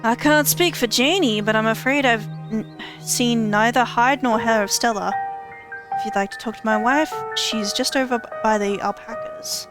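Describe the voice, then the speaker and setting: A woman's voice: fairly high pitch, normal speed, music in the background, lightly acted. A woman voicing a smarmy middle-aged male pastor who talks in an oily, overly polite, ingratiating way. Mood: evasive.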